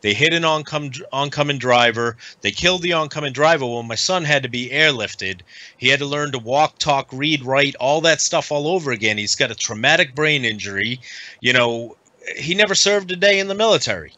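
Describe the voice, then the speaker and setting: A middle-aged man from the United States, a guest in a casual podcast conversation, speaking earnestly and haltingly with frequent pauses. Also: mid-range voice, animated, bright, forceful tone, no echo, dull audio. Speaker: guest, veteran nonprofit advocate.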